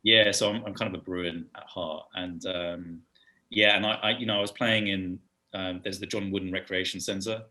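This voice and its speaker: A British man, a podcast guest, telling stories in a casual and animated way. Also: deep voice, moderate pace. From United Kingdom. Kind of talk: casual storytelling chat.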